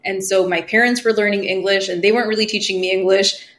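This fast-talking woman has a medium-pitched voice with fairly even intonation. In her 30s, with Farsi as her language, the spiritual medium shares personal anecdotes in a casual podcast interview, mimicking the people she quotes and laughing easily.

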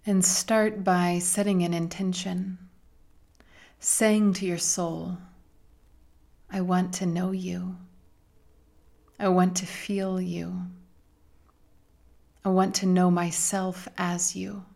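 A woman guides a meditation in a soft, gentle, soothing way, leaving long pauses and letting her phrases end breathily. Her voice is on the low side and her delivery flat.

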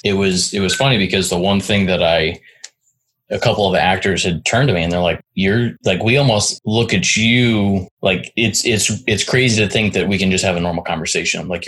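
A man's voice: low voice, fairly bright tone, husky. A man hosting a conversational interview, talking in a rambling way with many restarts and frequent "right?" tags. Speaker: podcast host.

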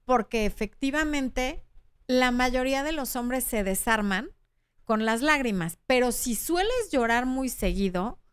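Mexican woman, relationship advice host, frank and chatty, smooth voice, dry close sound. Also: sits high, lively intonation, a little slow, no room sound. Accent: Mexican Spanish. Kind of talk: casual advice talk reading viewer comments.

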